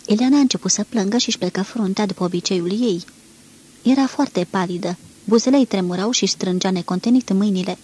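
A woman narrating a literary novel aloud in a measured, expressive reading, with a husky voice. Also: mid-range voice. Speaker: audiobook reader.

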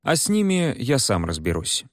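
A man voicing a young, smiling police lieutenant who speaks smoothly and condescendingly. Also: medium pitch, wildly swooping pitch, moderate pace, no room sound, clean studio sound, voice pushed up. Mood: smug.

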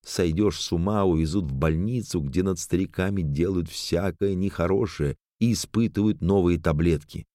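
A man narrates an audiobook in a very deep voice. He is recorded close to the mic in a dry, dead room with no echo. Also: normal speed, hardly any pauses, dark tone.

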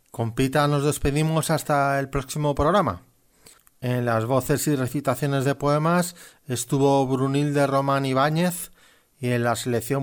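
A man hosting a radio programme, reading a scripted music presentation in a measured, informative way. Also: mid-range voice. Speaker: radio host.

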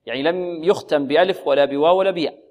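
A middle-aged man with a slightly high voice teaches Quran recitation, patiently quizzing his students and drilling single letter sounds over and over for them to repeat. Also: very fast, a little mellow. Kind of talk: tajweed lesson with call-and-repeat drills.

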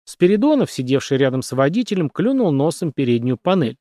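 A man narrating an audiobook with lively, expressive delivery. His voice sits a little high for a man and moves a great deal in pitch. The sound is close and completely dry. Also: a little fast, dry recording. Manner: expressive, dramatic reading. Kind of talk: audiobook reading.

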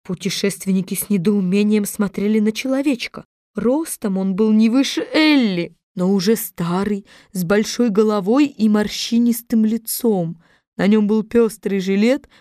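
A woman narrating a children's fairy-tale book in a measured, expressive reading voice. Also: medium pitch, no echo, studio quality. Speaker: audiobook narrator. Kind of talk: scripted storybook narration.

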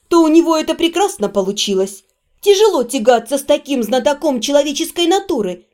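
A woman narrating a first-person fantasy audiobook in an even, expressive reading. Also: high-pitched.

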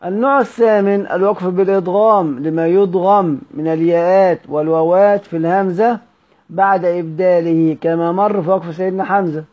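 Egyptian guy teaching recitation, kinda high voice, dull lo-fi sound, keeps asking "what?" to quiz ya. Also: fairly even intonation, fairly quick. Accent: Egyptian Arabic. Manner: repeats key words, quizzes listeners with rhetorical questions. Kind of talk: Egyptian Arabic lesson on recitation rules.

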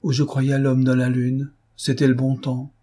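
A man's voice: mid-range voice, monotone, normal speed, warm tone, pitched above the performer's own voice, lightly acted. A man putting on a pert, teasing young woman. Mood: wistful. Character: lively mocking young woman, quick-witted.

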